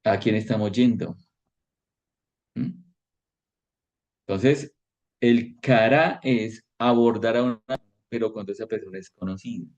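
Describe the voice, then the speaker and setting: A man teaching a devotional Bible lesson as pastor, slow and questioning, often checking in with his listeners. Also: on the low side, darkish tone, lo-fi sound.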